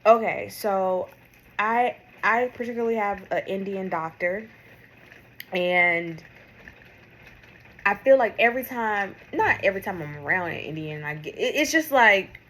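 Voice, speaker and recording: A woman with a mid-range voice gives a mystical tarot reading in an off-the-cuff, conversational way. She thinks out loud and follows her intuition. There is some faint noise behind her. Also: mid-range voice, expressive, measured pace, rough recording. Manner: intuitive, musing, thinking aloud. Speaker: tarot reader.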